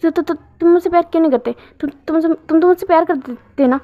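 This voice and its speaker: A woman's voice: very high voice, fast talker, voice pushed up. A woman voicing a lovestruck young man who pleads in tears, stammering and repeating words. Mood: pleading. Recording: dull lo-fi recording.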